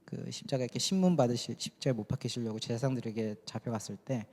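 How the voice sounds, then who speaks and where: Youth pastor guy giving a sermon, warm mellow voice, chatty, asks the room stuff, long church reverb. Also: medium pitch, quick pace. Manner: conversational, asks the congregation questions. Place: church sanctuary.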